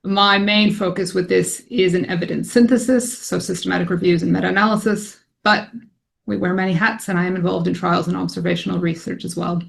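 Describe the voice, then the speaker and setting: A Canadian woman in her forties, an academic statistician, gives an informal presentation to colleagues. She talks conversationally and briskly in a low, creaky, steady-toned voice, with frequent ums and self-deprecating remarks.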